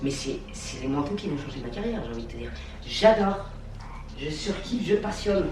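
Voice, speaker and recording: A woman's voice: sits low, lively intonation, a little mellow, a little hiss or hum. Young woman fashion vlogger, effusive and slangy, recorded from a distance in a reverberant room. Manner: gushing and slangy, quick swings into mock outrage. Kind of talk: casual clothing haul chat. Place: at home, trying on clothes. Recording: echoey room, mic at a distance, faint music.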